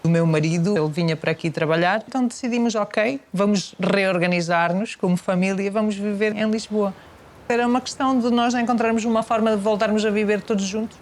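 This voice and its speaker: A woman giving a calm, matter-of-fact account in a documentary interview. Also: medium pitch, fairly quick, background noise.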